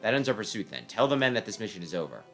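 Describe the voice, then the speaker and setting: A man's voice: on the low side, sing-song, rapid-fire, a bit bright, soft background music. A man voicing a stern, dutiful imperial general with formal, restrained military speech in a game script.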